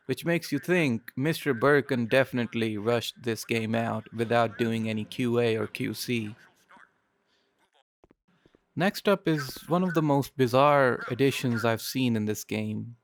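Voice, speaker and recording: A man's voice: mid-range voice, no echo, studio quality. A man narrating a scripted video essay as a game reviewer. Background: music.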